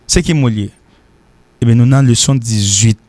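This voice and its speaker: A man's voice: mid-range voice, dark tone, no echo. A man with a mid-range voice leads a radio English lesson. He repeats each word again and again as a drill. The studio sound is dry and close. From Haiti. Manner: repeats words slowly for drills, mixes languages. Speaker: English teacher.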